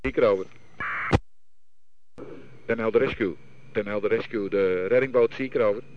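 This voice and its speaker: Lifeboat crewman, male, marine VHF radio; matter-of-fact, muffled line with clear static. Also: lowish voice, normal speed. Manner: matter-of-fact, hesitant fillers. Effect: marine VHF radio transmission. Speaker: lifeboat crew member.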